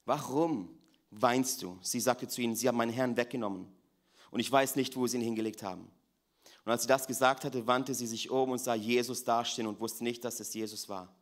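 Speaking fast in a steady, medium-pitched voice, this man delivers a sermon. His volume shifts dramatically from hushed near-whispers to raised, fervent appeals, and he repeats important phrases for emphasis.

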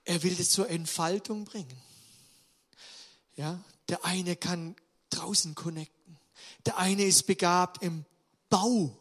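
Emphatic German-speaking preacher, slow and high. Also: male voice, husky. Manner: emphatic, swinging between loud slow stresses and quiet asides. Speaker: pastor. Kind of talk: sermon.

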